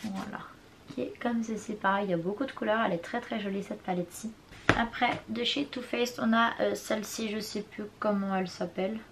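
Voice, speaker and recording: A woman's voice: medium pitch, fairly even intonation, brisk. Young woman vlogger, casual and chatty, stumbles over names, faint hiss. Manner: chatty, hesitant over product names, apologetic about pronunciation. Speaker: beauty vlogger. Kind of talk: casual makeup collection show-and-tell. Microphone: compact camera mic.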